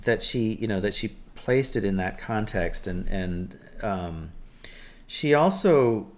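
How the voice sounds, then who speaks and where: A man's voice: lowish voice, expressive, takes it slowly. A man co-hosting a casual podcast, reading passages aloud and talking them through with many fillers and restarts. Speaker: co-host.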